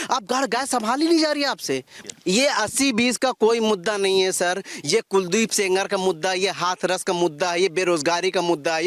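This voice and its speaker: A man's voice: high voice, a bit bright. A young man answering a street interview in a heated, impassioned way, often repeating himself.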